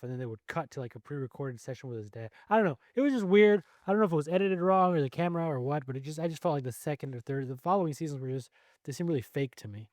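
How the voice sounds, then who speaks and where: Casting: male co-host, fairly high voice, rambling, self-correcting chatter, dry close sound. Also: no room sound. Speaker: podcast co-host. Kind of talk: casual chat.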